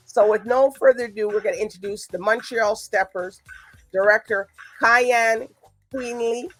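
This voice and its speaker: Chatty high-voiced woman hosting a show. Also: fairly even intonation, moderate pace, fairly bright tone, faint music behind, low-quality recording. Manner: chatty, rambling, laughs often. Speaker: show host. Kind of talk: casual chat show hosting.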